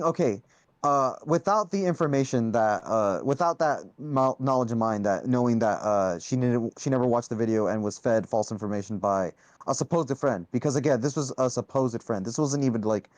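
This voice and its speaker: A man's voice: mid-range voice, expressive, normal speed, no room sound. Young male debater, casual, hedges and says "right?" a lot; dry, close recording. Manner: hedging, restarts often, says "right?".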